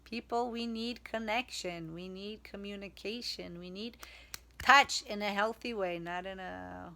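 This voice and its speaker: A woman whose first language is Hebrew, talking in a casual spiritual vlog and often pausing to search for words. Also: mid-range voice, vocal fry, sharp tone. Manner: slow, searching for words, many fillers and restarts. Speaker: vlogger.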